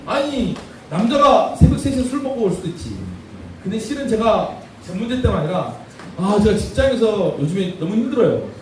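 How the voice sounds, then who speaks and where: A man's voice: sits high, very animated, a little fast, darkish tone, slight background noise. A man voicing a stressed working father who defensively makes excuses. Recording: echoey room from far off.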